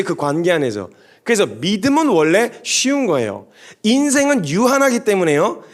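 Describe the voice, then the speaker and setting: A man preaching a sermon to young adults, animated and storytelling with humorous asides. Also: high-pitched.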